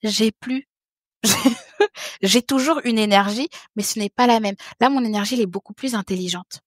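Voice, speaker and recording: A woman's voice: fairly high pitch, normal speed, no room sound, clean studio sound. A woman in her thirties, a podcast guest talking frankly and casually, often repeating words and restarting her sentences. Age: 30s. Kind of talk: casual conversation.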